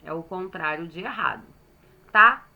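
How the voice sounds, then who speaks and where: A woman's voice: on the low side, creaky, pushed and bright. A woman with a Brazilian Portuguese accent teaching young children phonics, patiently sounding out syllables and checking in with them. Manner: slow and patient, sounding out syllables, frequent "certo?" check-ins. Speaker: primary school teacher.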